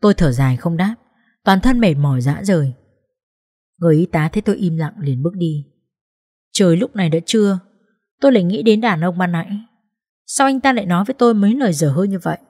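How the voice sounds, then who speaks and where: A woman's voice: lowish voice, animated, a little fast, pauses often, a little mellow, slightly rough. A woman narrating a sad first-person story in an emotional, tearful way.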